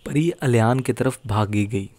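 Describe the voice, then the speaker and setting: A man reading a dramatic horror story as storyteller, expressive and measured. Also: mid-range voice, dry recording.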